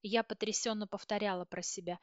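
A woman narrating a first-person story as an audiobook reader, steady and dramatic. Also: mid-range voice, a little fast, no room sound. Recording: dull, dry audiobook recording.

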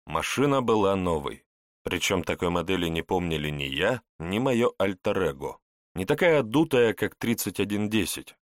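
A man narrating a first-person audiobook in an expressive, wry way. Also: low voice, no room sound, studio quality. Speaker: audiobook reader.

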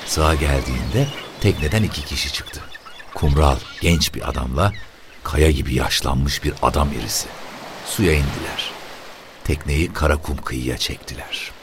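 A man narrating a short story aloud in a lively, expressive reading. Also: a bass voice, moderate pace, background noise.

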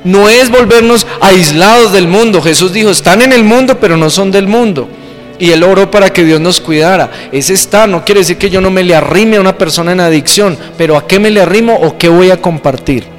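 A man with a high voice preaches a sermon, slipping into little impressions of the people he quotes. His voice carries a long hall reverb, and soft music plays underneath. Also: a little fast. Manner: animated preaching with acted-out quotes. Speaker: pastor.

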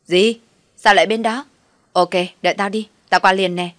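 A woman voicing a blunt, loud young woman friend in a storybook, talking in slangy, sharp bursts. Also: fairly low pitch, flat delivery, dry recording, close to an everyday voice. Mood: brash. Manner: loud, slangy and quick to shout.

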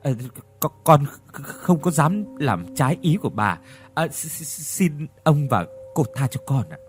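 A man's voice: a little high, sing-song, a little slow, soft background music. A man voicing a frightened young servant girl who stutters timidly in a ghost story. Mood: terrified.

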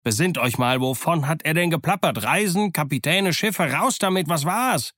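Long John Silver, a gruff sea cook, voiced by a man. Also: big pitch swings, moderate pace, fairly bright tone, dry recording, studio quality. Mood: blustering. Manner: gruff, booming, hot-tempered outbursts. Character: cunning blustering one-legged old sea cook. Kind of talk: audiobook character voice.

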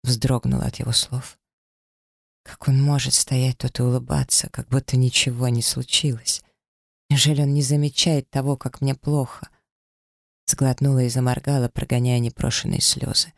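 A man's voice: mid-range voice, level tone, normal speed, gravelly, no echo, clean studio sound. A man reading a first-person story as an audiobook narrator, dramatic and emotional.

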